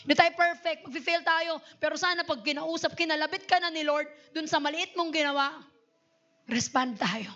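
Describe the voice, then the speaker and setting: A Filipino woman pastor preaching a lively sermon, mixing Tagalog and English and calling out "Amen?" to her congregation. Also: sits high, moderate pace, lo-fi sound. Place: church.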